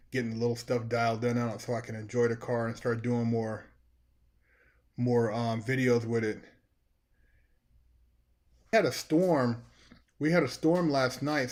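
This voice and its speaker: An American man hosting a casual livestream, chatting to his viewers in a laid-back, colloquial way. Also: medium pitch. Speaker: live streamer, channel host.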